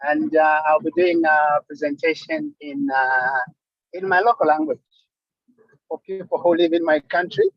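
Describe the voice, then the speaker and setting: Hesitant man with a higher voice. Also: steady tone, measured pace, no room sound, lo-fi sound. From Zambia. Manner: hesitant, with soft fillers. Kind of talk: casual online meeting talk.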